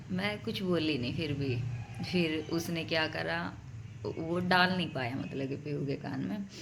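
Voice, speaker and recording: A woman's voice: on the low side, noisy background. A young woman vlogger casually telling a story at home to her viewers, chatty and direct. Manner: chatty, addresses viewers as bhai.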